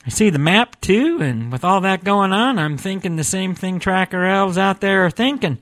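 A man's voice: high-pitched, expressive, moderate pace, a bit bright. A man voicing a chatty male elf radio reporter who talks in a folksy way and keeps calling his partner by name. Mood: earnest. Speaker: co-host, reporter. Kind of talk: comedic audio podcast acting.

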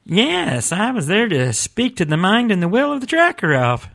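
A man plays a chatty elf radio reporter on a comedic podcast, with a high voice for a man. He speaks in an earnest, folksy way and keeps addressing his co-host by name. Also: huge pitch swings, moderate pace, vocal fry, fairly bright tone, full character voice. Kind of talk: comedic audio podcast acting.

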